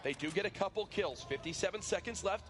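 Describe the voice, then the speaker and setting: A man doing play-by-play esports commentary, excitable and building to shouts at big moments. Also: high-pitched, fast, noisy background. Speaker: esports caster.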